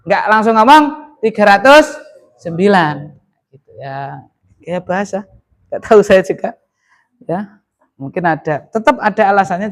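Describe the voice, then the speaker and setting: Higher-voiced male teacher. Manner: asks the class questions and answers them himself; reads Arabic verses slowly, then translates. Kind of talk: classroom lesson.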